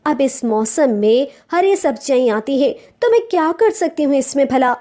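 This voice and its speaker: A woman's voice: high-pitched, animated, normal speed, mellow. A woman voicing an earnest, anxious young wife in a cartoon story. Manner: earnest, pleading.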